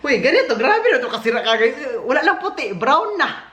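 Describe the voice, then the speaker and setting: A woman's voice: sits high, big pitch swings, a little fast, a bit bright, lo-fi sound, slight background noise. A woman from the Philippines chatting casually to her viewers in a home vlog, often laughing and dropping English words into her talk. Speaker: vlogger. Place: home in Germany, indoors and outdoors.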